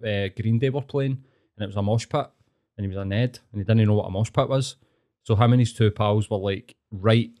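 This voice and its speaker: A man's voice: lowish voice, dark tone. A man with a broad Glasgow street accent, telling anecdotes in casual chat full of slang and heavy swearing. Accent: Glaswegian.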